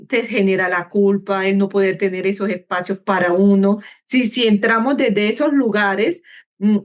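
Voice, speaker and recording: A woman clinical psychologist giving calm, measured advice in an interview, slowing down and stretching words to show how to breathe. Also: medium pitch. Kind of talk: calm explanatory interview talk.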